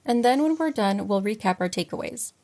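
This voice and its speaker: A woman co-hosting a podcast, chatting briskly and reading stage directions plainly. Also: medium pitch, animated, dark tone. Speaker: podcast co-host. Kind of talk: podcast chat and script reading.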